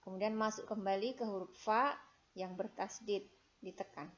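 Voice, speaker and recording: A woman with an Indonesian accent teaching children Quran reading, over-enunciating in instruction and drawn-out melodic recitation, in a dull recording. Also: medium pitch, steady tone.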